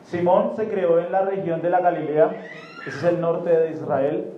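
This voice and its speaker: Man, preacher, high voice, echoey muffled church recording. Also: steady tone, normal speed, slight background noise. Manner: explains Bible passages, checks in with the congregation often. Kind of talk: sermon.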